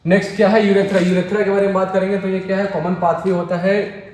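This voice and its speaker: A man's voice: sits high, little pitch movement, fast talker, a little mellow. A young man teaching a biology exam lesson, asking his own questions and answering them, and repeating key terms as he goes. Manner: repeats terms, keeps saying "dekho bhai". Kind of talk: exam-prep biology lecture. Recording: echoey room with faint hiss.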